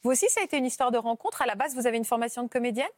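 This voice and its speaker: A woman from France hosting a talk show, asking brisk, curious questions. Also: on the high side, no room sound, studio quality.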